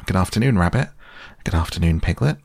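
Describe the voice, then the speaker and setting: A man voicing a calm, motherly, distracted female kangaroo in a storybook, fussing and politely dismissive. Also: deep voice, fast talker, vocal fry, no echo, clean studio sound, full character voice.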